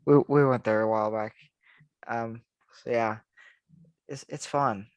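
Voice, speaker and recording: A man's voice: mid-range voice, fairly even intonation, measured pace, clean tone, no room sound, clean studio sound. A man co-hosting a casual podcast, musing aloud and often restarting his sentences. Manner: rambling, thinks aloud with restarts. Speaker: podcast co-host. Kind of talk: casual chat.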